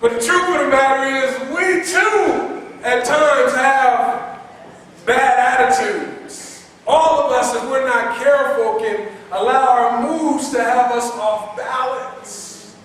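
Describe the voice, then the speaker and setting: High-voiced pastor preaching in an echoey hall. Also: male voice, slow pace, recorded from a distance, slight background noise. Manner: lively, playful, repeats words for emphasis; quizzes the congregation conversationally. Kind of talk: sermon. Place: church hall.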